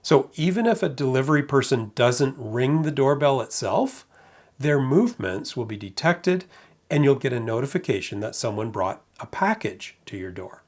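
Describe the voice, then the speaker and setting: A man narrating a product review in a measured, matter-of-fact way with light amused asides. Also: medium pitch, big pitch swings, darkish tone.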